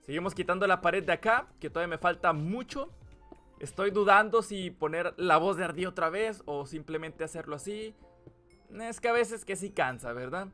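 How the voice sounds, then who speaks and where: A Mexican man with a high, bright voice. He thinks aloud as he builds, keeping up relaxed, chatty gameplay commentary. Faint music runs in the background. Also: normal speed. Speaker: gaming channel host.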